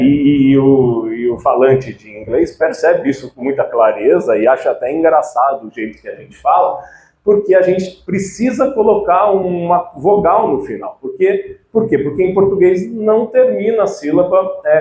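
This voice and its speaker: Man, informal lecturer, chatty and animated, slightly high voice, reverberant room. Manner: animated, conversational, frequent "né" tags. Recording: echoey room with faint background noise.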